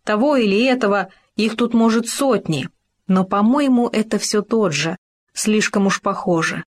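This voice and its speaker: A woman's voice: medium pitch, moderate pace, lightly acted. A woman voicing a boastful, scheming male hamster in a children's story, talking bossily and slyly. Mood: bossy. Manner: bossy, indignant and sly.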